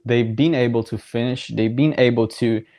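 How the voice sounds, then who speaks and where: A man's voice: mid-range voice, normal speed. A young man casually talking over a soccer match on his livestream, rambling with lots of fillers and little laughs. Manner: relaxed, rambling, filler-heavy, laughs often. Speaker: livestream watchalong host. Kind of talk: casual live commentary.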